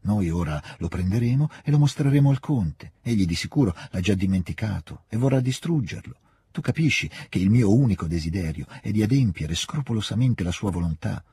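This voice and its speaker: A man reading aloud, voicing a smooth, scheming older nobleman who coaxes in a soft, hushed way. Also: on the low side, lively intonation, brisk, heavily acted. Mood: coaxing. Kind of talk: audiobook reading.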